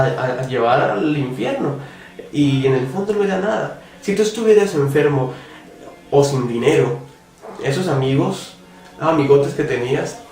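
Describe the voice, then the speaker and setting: A man's voice: a little high, a little mellow, recorded from a distance. Earnest preacher man, roomy echo. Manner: earnest, conversational, addresses the listener directly with rhetorical questions. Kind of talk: spoken devotional reflection. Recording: roomy echo, voice from off the mic, faint music.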